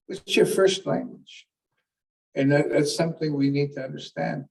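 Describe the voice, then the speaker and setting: In a keynote talk, a man from Canada speaks as an elder, earnestly teaching through stories and recounted conversations full of restarts. His voice is fairly high, steady, creaky and a little mellow, at normal speed. The recording picks him up from afar.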